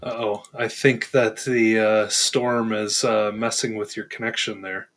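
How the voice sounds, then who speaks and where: A man's voice: on the low side, little pitch movement, measured pace, fairly bright tone. A man chatting casually and unscripted as co-host of a live stream. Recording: faintly noisy live-stream audio.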